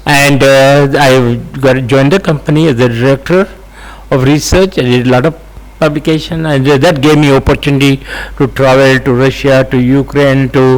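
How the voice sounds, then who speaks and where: Telling his life story in an interview, this Sindhi-speaking man in his eighties has an Indian accent and a mid-range voice. He speaks haltingly, with plenty of fillers and soft chuckles, on a low-quality recording.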